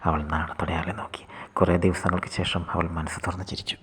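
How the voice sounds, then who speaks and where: A man narrating a scripted short story in a soft, half-whispered delivery. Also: deep voice, flat delivery, fast talker, noisy background.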